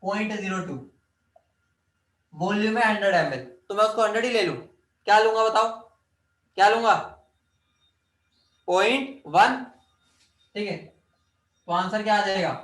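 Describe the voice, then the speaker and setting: A man's voice: high voice, a little slow, pauses often, fairly bright tone. A man teaching chemistry in a classroom lecture, quizzing his students and teasing them as he drills formulas. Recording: echoey room, mic at a distance.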